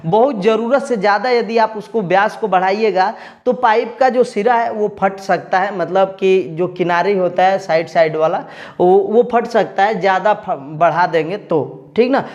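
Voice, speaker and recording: A man's voice: high voice, moderate pace, dull audio. A man explaining, step by step, how to weld AC copper pipes, talking directly to his students as an instructor. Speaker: AC repair instructor. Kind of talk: tutorial lesson.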